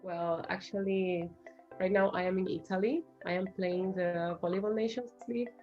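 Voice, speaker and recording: A woman's voice: medium pitch, steady tone, moderate pace, muffled recording, soft background music. A woman student athlete giving an earnest, hesitant testimonial.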